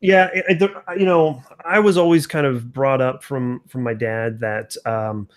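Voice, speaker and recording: A man's voice: medium pitch, measured pace. A man hosting a casual podcast, chatting loosely with guests and reading names from the chat. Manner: relaxed, chatty, many fillers. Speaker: podcast host.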